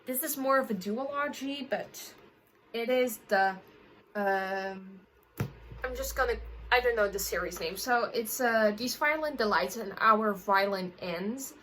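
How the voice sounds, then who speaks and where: A woman's voice: fairly high pitch, measured pace, a bit bright, a little hiss or hum, low-quality recording. A young woman chatting casually to camera as a book vlogger, rambling and correcting herself often. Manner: rambling, with frequent self-corrections and fillers.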